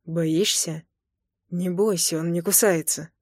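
A woman voicing a teasing, tender young man in an audiobook, speaking low and slow in a murmur. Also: steady tone, no echo, clean studio sound. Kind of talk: audiobook character voice.

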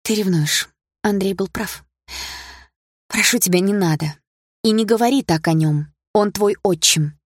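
A woman voicing a worried mother who talks softly and pleads patiently with her daughter. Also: medium pitch, unhurried, long pauses, breathy edge, no room sound, studio quality. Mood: firm. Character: worried mother, gentle and defensive.

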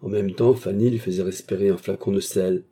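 Man, audiobook narration, measured, very dark, husky. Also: low voice, fairly even intonation. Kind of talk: reading a classic novel aloud.

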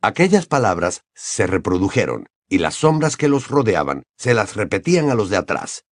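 Male narrator, mid pitch, lively and dramatic, dry close sound. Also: normal speed, no echo. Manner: expressive, dramatic reading. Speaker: audiobook narrator. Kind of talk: scripted narration.

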